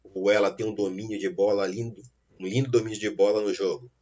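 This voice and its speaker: A man's voice: lowish voice, little pitch movement, a little mellow, breathy edge. Man, English lesson, careful explaining, dull lo-fi recording. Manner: slow, careful explanations, spelling out letters. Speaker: English teacher. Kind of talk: language lesson.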